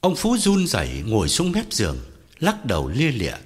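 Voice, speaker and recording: A man's voice: mid-range voice, wildly swooping pitch, normal speed, breathy edge. A man narrating a ghost story audiobook with dramatic, sweeping intonation. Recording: loud background music.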